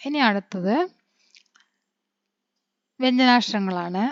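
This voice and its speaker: A woman, teaching a patient lesson and spelling letters out slowly, quizzing her pupils as she goes. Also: medium pitch, no room sound. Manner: patient, asks the children questions and answers them. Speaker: Hindi teacher. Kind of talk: classroom-style lesson. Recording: dry, dull lo-fi recording.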